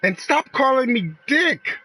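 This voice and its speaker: A man's voice: very high-pitched, very animated, unhurried, bright, forceful tone, no room sound. A man streaming a game who argues with a friend in casual banter, mocking him and swearing freely. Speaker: gaming streamer.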